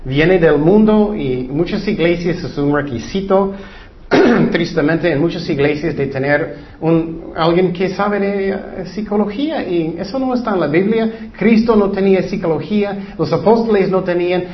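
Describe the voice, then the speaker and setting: A man delivers a casual Bible lesson in a slightly high voice, earnest and conversational, stepping aside often to explain. The recording is dull and lo-fi, with little top end. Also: measured pace. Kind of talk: informal Bible teaching.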